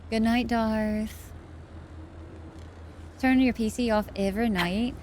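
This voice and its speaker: Late at night, a tired woman streams a game live and chats casually with viewers, thanking them and reading chat aloud. Her voice is a little high and darkish, slow and steady in tone, with slight background noise.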